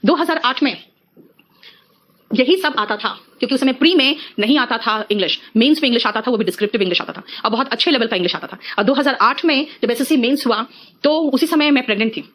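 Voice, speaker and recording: A middle-aged woman teaching an exam-prep English lesson, calling her students "beta" and slowing down to spell out example sentences. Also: a little high, fairly bright tone. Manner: addresses students as beta, mixes Hindi and English.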